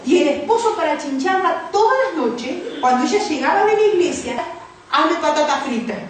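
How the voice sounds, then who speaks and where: A woman's voice: very high-pitched, expressive, a little fast, slight background noise. A woman pastor preaching a sermon, telling stories and acting out the voices of the people in them. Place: church hall. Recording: echoey church hall from far off.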